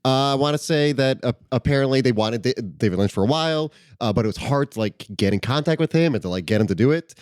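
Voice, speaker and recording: A man co-hosting a podcast who shares film trivia in a relaxed, casual way, using filler words. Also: mid-range voice, fast talker, few pauses, clear, resonant tone, no echo, clean studio sound. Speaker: podcast co-host.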